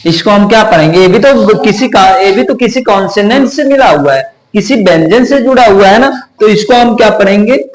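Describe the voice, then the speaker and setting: A man teaching English pronunciation, spelling words out letter by letter and answering his own rhetorical questions. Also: on the high side. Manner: slow, repetitive explaining. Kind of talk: classroom-style lesson. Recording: echoey room.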